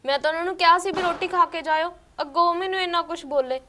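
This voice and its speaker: Woman playing a young daughter-in-law, high voice, pleading, defensive, short-film drama. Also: quick pace, bright, forceful tone.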